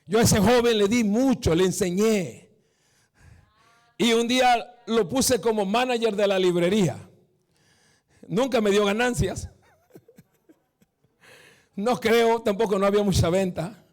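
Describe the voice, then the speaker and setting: A man preaching a sermon as a pastor. He keeps asking "¿verdad?", calls the crowd "mi hermano" and builds up to shouting. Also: high-pitched, a little slow, long pauses. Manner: emphatic, peppered with "¿verdad?" and "mi hermano".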